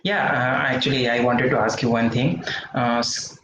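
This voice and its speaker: A man's voice: mid-range voice, steady tone, normal speed, a bit bright. Indian guy interviewing on a call, lots of uhs, roomy echo, bit of hiss. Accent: Indian English. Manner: hesitant, many "uh" fillers. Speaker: host, interviewer. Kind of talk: casual video call interview.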